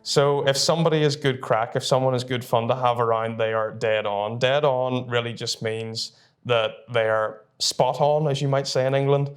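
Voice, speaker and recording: A man's voice: mid-range voice, fairly even intonation, moderate pace. A man in his early twenties from Northern Ireland with a Northern Irish accent, talking casually and chattily to camera as a student presenter. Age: early 20s. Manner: informal, chatty.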